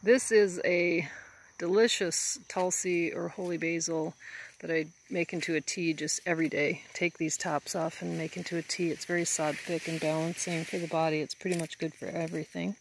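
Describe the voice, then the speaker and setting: A woman walking through her garden, recording on a phone and pointing out the plants in an unhurried way. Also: fairly low pitch, fairly even intonation, vocal fry, a little hiss or hum. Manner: unhurried, pointing things out as she walks. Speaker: gardener giving a tour. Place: outdoor garden. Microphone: handheld phone, speaker behind camera. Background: crickets and outdoor ambience.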